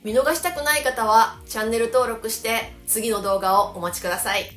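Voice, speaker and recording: A woman from the Kansai region of Japan, a language teacher giving an explanatory lesson and slowing down to stress key words. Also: a little high, a bit bright, soft background music. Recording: roomy echo.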